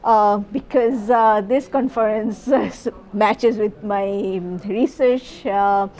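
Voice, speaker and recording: A woman's voice: mid-range voice, slow, a little mellow, slight background noise. A middle-aged woman, a professor explaining her research in a conference interview, with many fillers and restarts. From Bangladesh.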